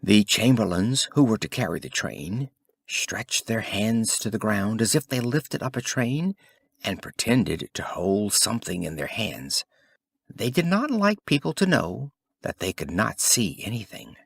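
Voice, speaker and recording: As an audiobook narrator, a man reads a scripted fairy tale with expressive, theatrical storytelling. His voice sits on the low side, creaky and husky, at a measured pace, captured in a dry recording.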